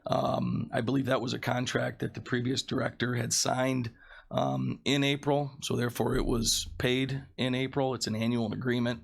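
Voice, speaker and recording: A man who sounds under the weather, giving a halting report at a committee meeting. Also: medium pitch, level tone, vocal fry. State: under the weather, feeling sick. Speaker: facilities director presenting a report.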